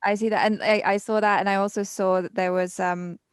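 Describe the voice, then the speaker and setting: A woman's voice: mid-range voice, little pitch movement, brisk, clean tone, dry recording, studio quality. A woman from Thailand chatting and asking questions as an interviewer in a video call.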